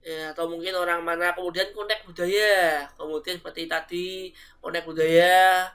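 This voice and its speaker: A man's voice: sits high, flat delivery, normal speed, fairly bright tone, smooth. A man from Indonesia giving a casual online lecture to students, chatty and full of rhetorical questions. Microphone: live stream.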